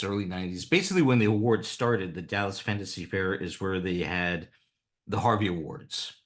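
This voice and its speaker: A middle-aged man, a cartoonist guest, telling anecdotes in a rambling, casual way, chuckling often and restarting his sentences. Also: low-pitched.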